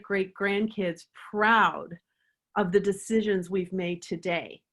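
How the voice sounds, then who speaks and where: A woman chiropractor answering interview questions in an earnest, thoughtful way, at times guiding the listener through a reflection. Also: medium pitch. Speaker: chiropractor guest.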